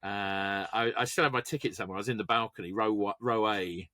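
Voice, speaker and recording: A man's voice: lowish voice, fast talker, sharp tone. A middle-aged man co-hosting a podcast, chatting casually and rambling through music trivia. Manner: rambling, digressive, trivia-heavy. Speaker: podcast co-host. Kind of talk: casual chat.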